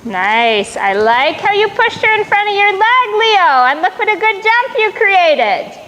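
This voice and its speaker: A high-voiced woman works as a riding coach, calling out brisk, projected commands and encouragement. She sounds like she is teaching live in an arena, with clear ambient noise around her. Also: big pitch swings, bright, forceful tone, poor audio. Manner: encouraging, praising the rider. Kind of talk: live riding lesson instruction.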